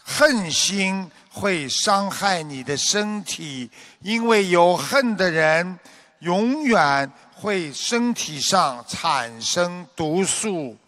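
A man with a notably high voice delivers a Buddhist sermon at an unhurried pace. His tone is measured and instructive, and he turns lively when he tells a joke. The sound is dry and close, with little room tone. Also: dry recording. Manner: measured preaching, animated when telling a joke. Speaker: Buddhist teacher. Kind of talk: dharma talk sermon.

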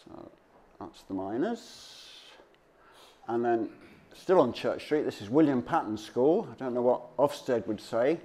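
Warm in tone and medium in pitch, the man's voice carries lively intonation as he presents local history. He gives the audience an informal slide talk, speaking conversationally, haltingly and without a script.

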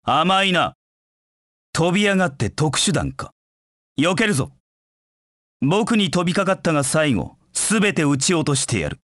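A man's voice: a little high, sing-song, moderate pace, long pauses, fairly bright tone, no echo, studio quality. An actor playing a proud, cold hedgehog knight in a Japanese video game, curt and disdainful in his delivery. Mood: scornful. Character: proud, cold anthropomorphic hedgehog knight, a brooding young male rival.

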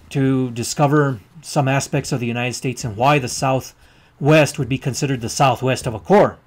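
A man lectures on geography while marking up a map. His voice sits at an ordinary middle pitch. He pauses often with ums and uhs and restarts his sentences. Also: darkish tone. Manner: halting, many ums and uhs, pointing at a map with a pen. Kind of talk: recorded lecture over maps.

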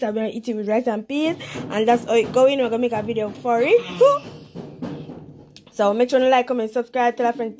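A Jamaican woman with a voice on the high side vlogs casually about cooking in her home kitchen, slipping into Patois over background noise. She holds the phone behind the camera herself, and the recording is noisy, with clicks.

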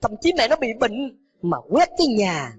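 A man's voice: very high-pitched, big pitch swings, moderate pace. Man telling an emotional moral story. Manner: dramatic, addresses listeners as children. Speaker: teacher at a summer retreat. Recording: dull lo-fi with background music.

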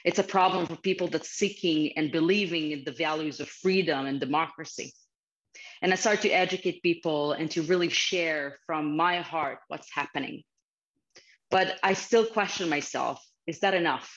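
A woman's voice: low-pitched, moderate pace, a bit bright. A woman in her thirties with a Ukrainian accent, speaking earnestly and from the heart as a guest speaker over a video call from a small office. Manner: earnest, heartfelt, slightly non-native phrasing. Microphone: video call webcam. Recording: slightly muffled video call audio.

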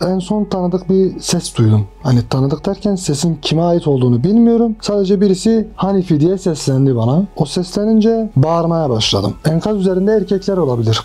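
A young man calmly and reflectively recounting his time trapped under rubble, in a measured testimony. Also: fairly high pitch, breathy edge. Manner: calm, reflective, measured retelling. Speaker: earthquake survivor. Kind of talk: personal testimony interview.

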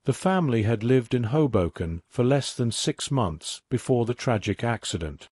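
Male narrator, even documentary read, mid voice, dead-dry booth sound. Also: mid-range voice, normal speed, breathy edge, no room sound. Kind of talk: scripted narration.

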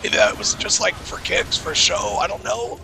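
A man with a hoarse, raspy voice chatting casually and self-deprecatingly as he comments on his own gameplay. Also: sits high, expressive, moderate pace, over music. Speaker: gaming video creator.

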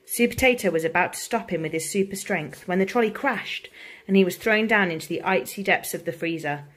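A woman, a primary school teacher, reading a picture book aloud to children in an expressive, engaging way. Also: fairly low pitch, brisk.

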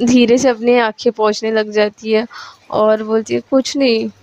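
High-voiced woman narrating a romance. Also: little pitch movement, normal speed, a little mellow, dull audio. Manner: chatty, mixes English words in. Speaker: storyteller. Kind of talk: casual story narration.

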